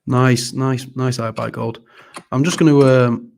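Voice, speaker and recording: A man's voice: medium pitch, steady tone, a little slow, gravelly, a little mellow. A man hosting a casual live audio panel, friendly and hesitant, often repeating words and apologizing. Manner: friendly, calls people mate. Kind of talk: casual chat.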